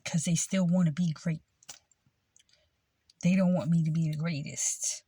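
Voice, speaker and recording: A woman's voice: low-pitched, fairly even intonation, unhurried, dark tone, breathy edge, no echo. A woman delivering a rambling religious monologue, meandering with frequent fillers and repeated words. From United States. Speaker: self-styled preacher.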